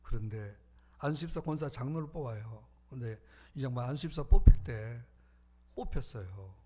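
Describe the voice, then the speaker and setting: Lively animated Korean pastor preaching. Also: male voice, medium pitch, normal speed, husky. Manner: animated preaching, swinging between loud calls and hushed asides. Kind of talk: sermon.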